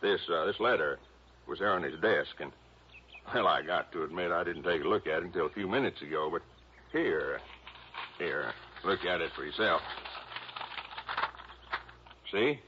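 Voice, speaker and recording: An actor playing a stubborn, cocksure police chief of about fifty in a radio drama, a man with a rural American accent and a husky, stammering drawl. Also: sits low, lively intonation, normal speed, slight background noise. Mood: flustered, insistent. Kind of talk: old-time radio drama acting. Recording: dull old radio recording.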